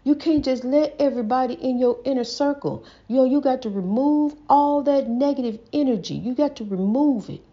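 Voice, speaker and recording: Speaking fairly quickly with hardly any pauses, this warm, high-pitched woman hosts a relaxed, down-home inspirational sermon. She mentions her own stutter, circles back over her words, and addresses the listener as honey; the lo-fi recording sounds dull.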